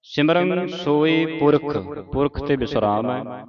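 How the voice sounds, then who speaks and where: A man leads a scripture pronunciation class at an unhurried, measured pace, half-chanting each verse before breaking it down. His voice sits at an ordinary pitch. The recording is dull and lo-fi, with a group of students audible around him. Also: expressive, a crowd in the background. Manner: chants verses slowly, then explains pauses and vowel marks. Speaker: Gurbani pronunciation teacher. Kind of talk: recitation lesson with line-by-line pronunciation corrections.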